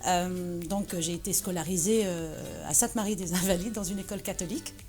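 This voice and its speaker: A woman's voice: on the low side, steady tone, a little fast, mellow, faint music behind. A woman from Morocco, a guest chatting in an interview with many fillers and restarts. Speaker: guest, association president. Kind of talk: casual interview conversation.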